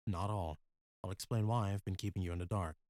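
A man's voice: deep voice, steady tone, a little fast, a little mellow, no echo, lightly acted. A weary guilt-ridden inventor, as a man reads him. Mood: earnest.

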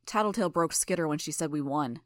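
Laid-back young man, wry and offhand, low voice as read by a woman narrator. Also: quick pace, dry recording, clean studio sound, natural voice.

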